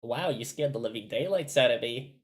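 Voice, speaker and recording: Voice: medium pitch, expressive, fairly quick, close to an everyday voice. A reader voicing an earnest, slightly bewildered teenage boy speaking plainly and politely. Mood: puzzled.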